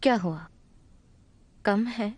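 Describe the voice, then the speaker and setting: A woman's voice: mid-range voice, slow pace, darkish tone, slightly rough. A woman dubbing a caring young woman who coaxes and teases a proud friend, in a drama. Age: young adult. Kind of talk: Hindi dub of a drama.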